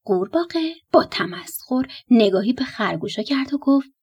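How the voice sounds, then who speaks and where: A woman narrating a bedtime story for children in an animated, playful way. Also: fairly high pitch, breathy edge. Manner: animated, playful, breaking into laughter.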